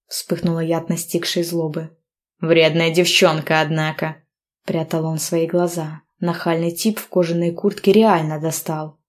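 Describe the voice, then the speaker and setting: A woman's voice: lowish voice, level tone, moderate pace, hardly any pauses, dark tone. A woman narrating a first-person romance audiobook in an emotional, dramatic way.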